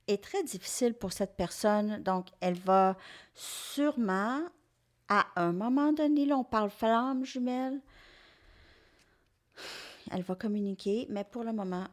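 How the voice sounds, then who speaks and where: Slow Québécois woman reading tarot. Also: a little high. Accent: Québécois French. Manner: slow, hesitant, many fillers and restarts. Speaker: tarot reader. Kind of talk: tarot card reading for viewers.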